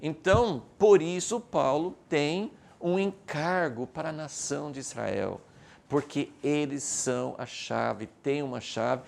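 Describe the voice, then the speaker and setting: A man teaching a recorded Bible class, speaking in an animated way, acting out imagined questions and filling his talk with restarts and fillers. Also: a little high, takes it slowly, gravelly, slight background noise.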